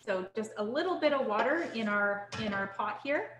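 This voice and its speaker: Woman, young adult, cooking instructor, relaxed chatty delivery, faint background noise, kitchen. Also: fairly high pitch, moderate pace. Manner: relaxed, chatty, lots of "um" and "okay?" checks. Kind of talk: live online cooking class. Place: kitchen classroom.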